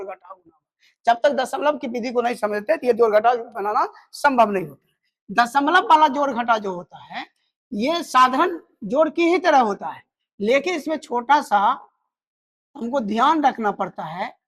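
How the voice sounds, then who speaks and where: Woman, math teacher, fairly high voice, patient step-by-step classroom explanation, counts digits aloud. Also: a bit bright.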